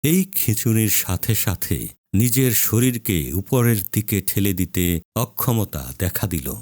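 Slow, solemn male preacher, dry close mic. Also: fairly low pitch, big pitch swings, darkish tone, no room sound. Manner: slow, solemn, emphatic with drawn-out pauses. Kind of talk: dramatic sermon narration.

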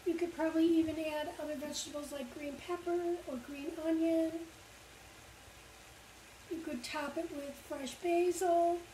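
Older lady walking kids through a recipe step by step, really high voice, roomy kitchen sound, camera set back. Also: steady tone, unhurried, warm tone, a little hiss or hum. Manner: patient, step-by-step explaining. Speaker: library cooking instructor for kids. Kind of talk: cooking demonstration. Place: home kitchen, indoors. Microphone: far camera. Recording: echoey kitchen from a distance. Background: faint sizzling of frying meat.

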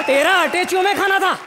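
An actor playing a loud, lazy, boastful police officer in a live stage comedy sketch, teasing and punning. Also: male voice, very high-pitched, heavy background noise. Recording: live studio with audience laughter.

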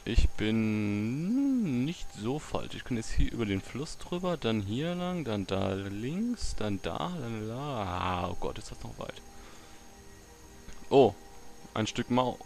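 A man giving casual let's play commentary, muttering to himself with excitable outbursts. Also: on the low side, slow pace, gravelly, a little hiss or hum.

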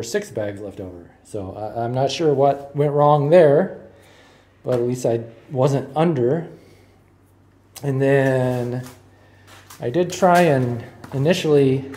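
Slow, mellow-voiced man narrating DIY work. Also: medium pitch, a little hiss or hum. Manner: plain, thinking aloud with fillers and restarts. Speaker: DIY home renovator. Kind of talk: casual first-person narration. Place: unfinished basement room indoors.

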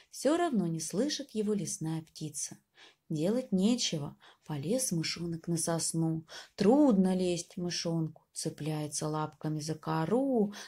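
A woman narrates a children's fairy tale with gentle, lilting storytelling. Her voice is mellow and warm, with a slightly husky, breathy edge. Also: lowish voice.

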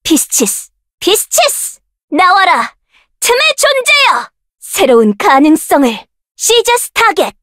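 A bold young rift researcher. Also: female voice, high-pitched, big pitch swings, moderate pace, no room sound, studio quality. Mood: battle shouts. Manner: bold, self-assured, commanding skill shouts. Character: proud, confident young woman researcher of dark rift powers. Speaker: voice actress for a game character. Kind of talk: game voice lines, battle shouts.

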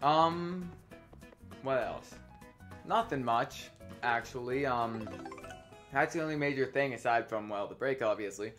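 A man's voice: medium pitch, a little slow, pauses often, over music. A teenage boy hosting a let's play, chatting casually with lots of ums and a slight lisp from a retainer. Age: teens. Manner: chatty, rambling with many ums. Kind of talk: casual gameplay commentary.

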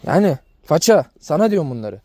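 A man's voice: fairly high pitch, very animated, brisk, warm tone, no echo. A man vlogging to his viewers about his dogs, venting in an exasperated way and repeating himself. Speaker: dog breeder vlogger. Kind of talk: casual vlog talk to viewers.

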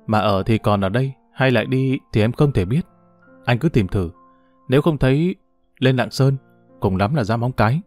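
A man's voice: mid-range voice, moderate pace, a little mellow, soft background music, natural voice. A man voicing a young former thief turned smuggler who gives cautious advice. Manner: cautious, advising.

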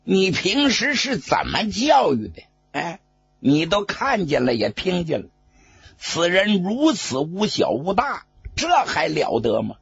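A storyteller voicing an arrogant, hot-tempered male court envoy, with a raspy voice and a scolding manner. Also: high-pitched, wildly swooping pitch, measured pace, fairly bright tone, no room sound, pitched above the performer's own voice, full character voice. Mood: indignant. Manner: blustering, scolding. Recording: dull lo-fi recording.

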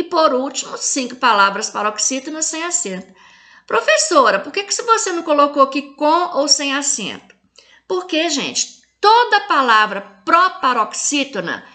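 A woman teacher with a Brazilian Portuguese accent records a video lesson for young children, explaining the homework one numbered step at a time. Her voice is bright and a little high. She speaks to the pupils affectionately. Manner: clear step-by-step instructions. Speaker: primary school teacher.

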